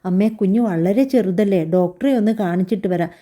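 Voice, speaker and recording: A woman voicing a young new mother who speaks softly and with restraint but stays firm. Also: mid-range voice, brisk, close to an everyday voice. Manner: soft, restrained.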